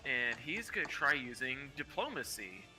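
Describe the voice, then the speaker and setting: A man chatting casually as a tabletop game player, halting as he searches for words. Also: medium pitch, big pitch swings, music in the background.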